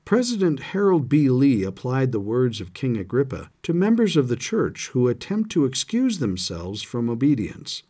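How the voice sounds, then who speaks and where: A man giving a scripture lesson, reading passages aloud in a measured, reverent way and adding commentary. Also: mid-range voice, big pitch swings, warm tone, slightly rough. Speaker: scripture study teacher.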